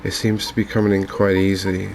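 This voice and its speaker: With faint noise from fans and open windows behind him, an English gaming video host gives soft-spoken ASMR commentary on a game. His low voice is extremely even with gravelly edges. He comes across as unhurried, a bit hesitant and gently musing.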